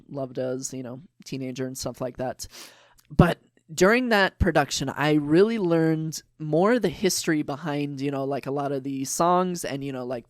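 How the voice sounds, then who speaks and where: A man's voice: a little high, no echo, clean studio sound. A young adult man talking as a podcast guest in a casual, eager way, rambling with lots of fillers.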